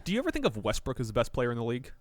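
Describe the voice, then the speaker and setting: A man's voice: medium pitch, racing, no echo, studio quality. A man co-hosting a sports podcast in casual, joking chat, often restarting his sentences. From Japan. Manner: animated, joking, trails off in restarts. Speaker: podcast co-host.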